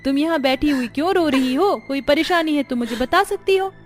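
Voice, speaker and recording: A hardworking young bangle seller in a cartoon story, as a woman narrator puts her on, earnest and kind. Her voice sits fairly high and bright. Faint music plays underneath. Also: brisk, close to an everyday voice. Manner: bright, earnest, street-vendor calls.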